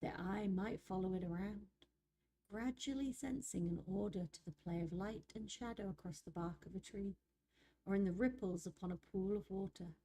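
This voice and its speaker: A woman voicing a poetic nature spirit who narrates slowly and softly in storybook fashion. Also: medium pitch, close to an everyday voice. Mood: wistful. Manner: slow, soft, lingering storybook narration. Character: dreamy, poetic nature spirit of a moonlit forest glade. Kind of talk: reading a fantasy story aloud on stream.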